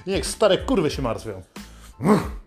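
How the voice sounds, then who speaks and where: A swaggering man rants in a crude, foul-mouthed comedic monologue. His voice sits a little higher than most men's, and faint music plays underneath. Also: sing-song, unhurried. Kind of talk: satirical comedic rant.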